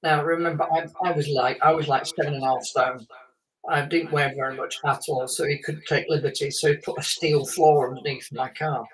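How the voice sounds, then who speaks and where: A guest in his late fifties from England, formerly a racing driver, tells long meandering stories on a live chat, full of fillers and small laughs. His fairly high, bright voice is steady and brisk. Poor audio captures him from a distance.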